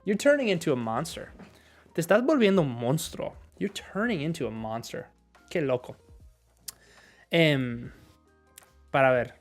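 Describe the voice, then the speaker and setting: A man's voice: fairly high pitch, very animated, a little slow, long pauses, soft background music. A male teacher answering viewer questions in a live lesson, switching between Spanish explanations and examples. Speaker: English teacher.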